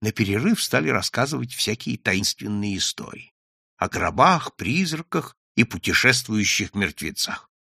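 A man reading a story aloud in a lively way, lifting his voice for the characters' lines. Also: moderate pace, vocal fry, slightly rough, no room sound, studio quality. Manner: lively, raises pitch and volume for characters' quoted lines. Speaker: audiobook narrator. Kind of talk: scripted narration with character voices.

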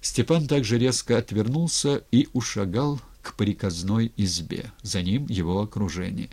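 A man reading a historical novel aloud in an expressive, dramatic way. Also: lowish voice, normal speed, slightly rough. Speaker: narrator. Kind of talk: audiobook reading.

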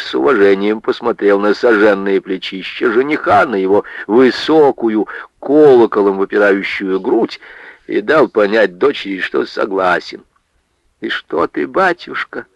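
A man narrating a literary story for radio in a measured, expressive way. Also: fairly low pitch, creaky, dry recording, muffled recording.

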